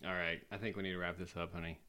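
A man's voice: sits low, level tone, rapid-fire, bright, forceful tone, clear, resonant tone. A man co-hosting a casual podcast, telling corny jokes and chuckling at them. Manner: chuckling, corny joke delivery. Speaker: podcast co-host. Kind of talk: casual joke-telling chat.

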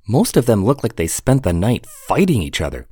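A man lifting his voice into a lively young woman. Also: on the low side, normal speed, husky, no echo, clean studio sound, voice pushed up, exaggerated voice.

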